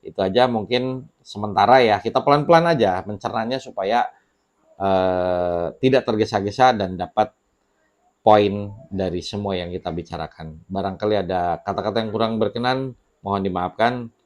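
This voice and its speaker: Guy with a lowish voice chatting to camera from a little home studio, laid back, lots of ums. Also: lo-fi sound. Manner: relaxed, conversational, with many fillers and pauses. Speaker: channel host sharing debt advice. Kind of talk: casual talk to camera. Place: small home studio with children heard nearby.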